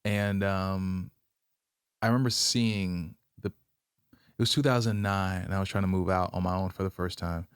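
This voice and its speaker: A man with a fairly low voice hosts a casual podcast chat, ribbing his guest with playful trash talk. He is from Georgia. The sound is close and dry. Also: fairly even intonation, a little slow, clear, resonant tone, no echo. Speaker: podcast host.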